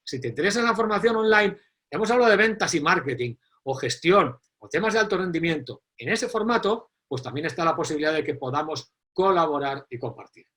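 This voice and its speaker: Middle-aged male host, emphatic and repetitive, a touch higher-pitched. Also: brisk. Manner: animated, emphatic, repeats key phrases. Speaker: online forum host. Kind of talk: live online event introduction.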